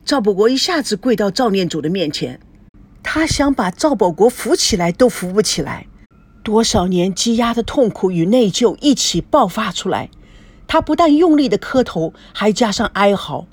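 A woman's voice: mid-range voice, lively intonation, moderate pace, husky. A woman narrating a novel aloud in a dramatic storytelling manner.

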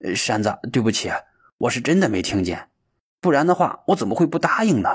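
An earnest, dreamy young seeker, as a man puts him on, calm and musing in a husky voice that rises and falls widely. He talks it over slowly in a storybook telling. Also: mid-range voice. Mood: puzzled.

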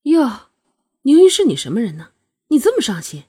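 A proud young noblewoman who speaks higher, with a bouncy and teasing lilt, put on by a woman reading an audiobook. Her voice is slightly husky. She comes across as sly and sharp-tongued. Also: wildly swooping pitch, moderate pace, exaggerated voice. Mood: cold. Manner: teasing, coy and needling. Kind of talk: audiobook character voicing.

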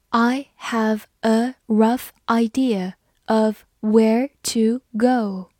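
A woman giving a scripted vocabulary lesson, spelling words out letter by letter and repeating them slowly. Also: on the high side, a little mellow, slightly rough, dry recording, studio quality. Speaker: English vocabulary teacher.

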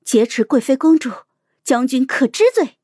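A woman playing a sharp-witted, bold young princess in an audio story, playful yet commanding. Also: high voice, sing-song, unhurried, no echo, clean studio sound. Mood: stern.

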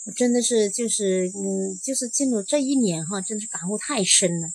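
A woman's voice: mid-range voice, fairly quick, gravelly, husky, no echo, poor audio. A middle-aged woman from Jiangxi, an interview guest telling a personal story and acting out the conversations she recounts. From Jiangxi, China. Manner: lively retelling, acting out quoted dialogue.

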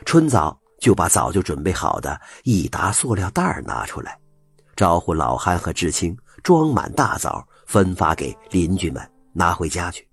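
Expressive, low-voiced male storyteller. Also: normal speed, husky, no echo, faint music behind. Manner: animated, expressive delivery. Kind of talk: folk tale narration.

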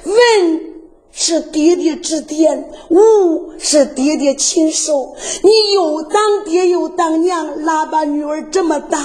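A woman's voice: sits high, slow, a little mellow. A woman voicing a young warrior daughter who pleads tearfully with her father. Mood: pleading.

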